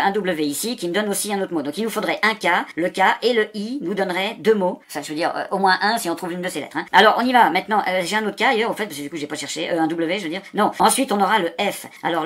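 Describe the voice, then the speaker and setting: A man's voice: sits high, a bit bright. A man chatting casually and swearing freely as he scratches lottery tickets in a vlog.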